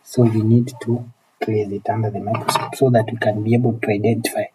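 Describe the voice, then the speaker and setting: This Kenyan-accented phone repair technician talks a little fast in a lowish, flat voice while streaming, casually explaining repairs and responding to viewers with frequently repeated phrases. There's noise in the background.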